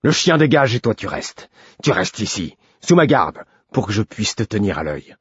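A gruff, bitter stablemaster who has been drinking, as a man puts him on in a storybook reading. His voice is low and husky, brooding with quiet menace before it bursts into roaring anger. The recording is dry and a little dull. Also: steady tone, a little slow, no room sound. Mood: roaring angry.

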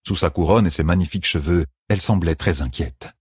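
A man narrating a fantasy audiobook in a measured, storytelling manner with a husky voice. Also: sits low, a little mellow, no echo, clean studio sound.

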